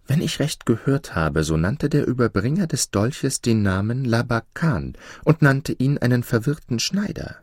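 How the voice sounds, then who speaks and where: A man's voice: mid-range voice, expressive, normal speed, hardly any pauses, a little mellow, no room sound, studio quality, voice pushed up, natural voice. A man voicing a wise old female slave who advises a princess in a fairy tale. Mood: sly. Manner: confiding, scheming.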